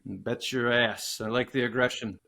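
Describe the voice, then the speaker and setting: A man in his forties trades casual podcast banter, his humor crude and his laugh never far away. His voice sits at an ordinary pitch for a man. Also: steady tone, moderate pace, gravelly, pushed and bright, a little hiss or hum. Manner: crude, joking, laughs often. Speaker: podcast co-host.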